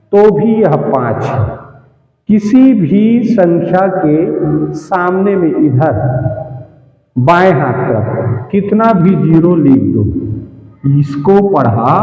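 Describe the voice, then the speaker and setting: A man teaches numbers at a slow, deliberate pace, checking in with quick questions. His voice sits high yet sounds mellow. The sound is dull and echoey, like a classroom recording with long reverb. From Chhattisgarh. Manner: slow step-by-step explaining with quizzing questions. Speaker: math teacher. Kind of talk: classroom math lesson.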